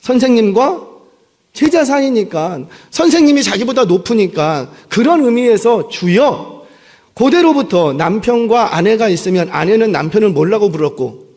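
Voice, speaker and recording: A man who is the senior pastor, preaching a sermon with animated delivery and putting questions to the congregation. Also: sits high, normal speed. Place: church sanctuary. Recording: long church hall reverb.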